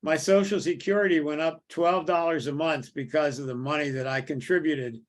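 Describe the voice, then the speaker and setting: A man's voice: fairly high pitch, steady tone, normal speed. A man in his eighties, an Air Force veteran, chatting reflectively on a video call. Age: 80s. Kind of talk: casual video call chat.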